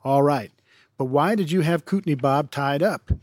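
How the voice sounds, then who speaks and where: A man's voice: a little high, moderate pace, dry recording, clean studio sound, natural voice. A man reading aloud as a nervous traveling man who asks short, startled questions. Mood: puzzled.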